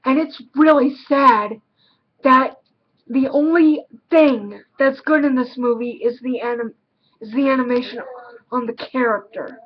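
A woman's voice: high-pitched, measured pace, muffled recording. A woman giving a casual film review, blunt and emphatic, repeating words for stress.

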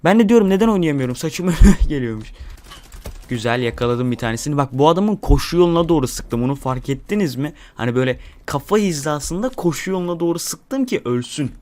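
A young man hosting a gaming channel, giving excitable live commentary while he plays, swearing and talking to his viewers. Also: a little high, fast.

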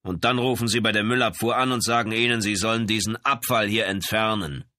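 A man's voice: fairly low pitch, brisk, bright, forceful tone, no echo, studio quality, voice pushed up. A man voicing a brutal, mocking police lieutenant in an audiobook, barking orders with a sneer. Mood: mocking commands. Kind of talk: audiobook character voice.

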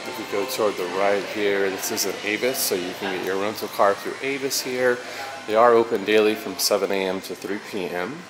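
Low-voiced man giving a casual walking tour. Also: brisk, poor audio. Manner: relaxed, with frequent fillers and loose phrasing. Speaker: tour guide vlogger. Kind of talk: casual walkthrough narration. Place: large indoor casino, walking through. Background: loud casino music.

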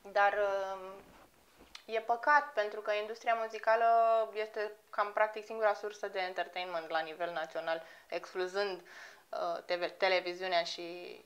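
A woman's voice: medium pitch, fairly even intonation, fairly bright tone. A woman in her thirties, a singer being interviewed, talking casually and laughing easily. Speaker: guest, singer.

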